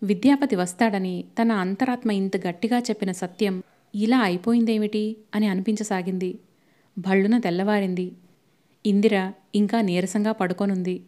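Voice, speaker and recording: A woman narrating a novel as an audiobook, in a steady, expressive storytelling manner. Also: mid-range voice, normal speed.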